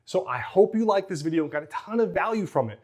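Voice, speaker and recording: Upbeat higher-voiced male fitness coach. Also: fast. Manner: energetic, coaching. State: out of breath. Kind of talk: workout demonstration vlog.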